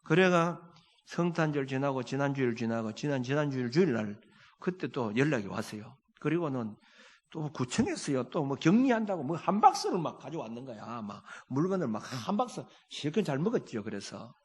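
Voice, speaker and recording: A man's voice: medium pitch, sing-song, a little fast, slightly rough. Emphatic preaching pastor, man, in a reverberant church. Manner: emphatic, swings from loud preaching to quiet storytelling. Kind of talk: sermon. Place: church sanctuary. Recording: long hall reverb in a church.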